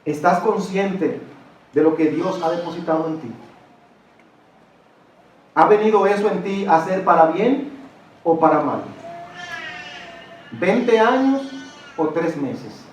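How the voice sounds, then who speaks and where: A man's voice: sits high, animated, takes it slowly, pauses often, slight background noise. A male pastor preaching a sermon, putting rhetorical questions to his congregation. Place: church. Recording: echoey church hall from far off.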